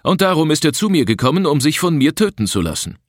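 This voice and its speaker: A man's voice: fairly high pitch, very animated, fast talker, no echo, pitched above the performer's own voice. A young Sami hunter, as a storyteller puts him on, calling out in a raised, carrying voice. He stays level and unbothered as he speaks. The sound is dry and close, with no room around it. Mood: calm, matter-of-fact. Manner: matter-of-fact, calling out across a clearing. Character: young calm Sami man, bear hunter.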